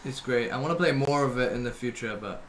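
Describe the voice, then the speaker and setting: A young man streaming a game rambles casually with his viewers in a laid-back way, tossing out "bro" and "dude." His voice is medium-pitched and fast, with slight background noise and loud video game music behind him.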